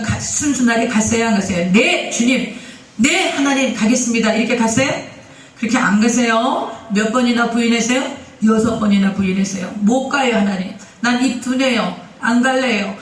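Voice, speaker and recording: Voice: mid-range voice, a bit bright. A pastor delivers a sermon in a roomy sanctuary, heard from a distance off the mic. The preacher keeps putting questions to the congregation and answering them in turn. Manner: acts out quoted speech in character. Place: church sanctuary.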